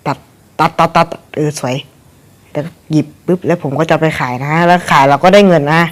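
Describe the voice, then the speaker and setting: A young man casually commentating his own gameplay, rambling and cursing at the game with frequent chuckles. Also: a little high.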